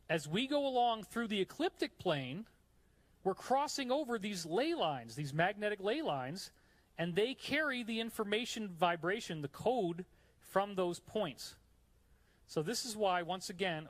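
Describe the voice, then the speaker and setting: A man from New York giving a live lecture with slides in a hot room, explaining eagerly and chatting to the audience between points. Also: sits high. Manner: enthusiastic, chatty asides to the audience. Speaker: conference speaker.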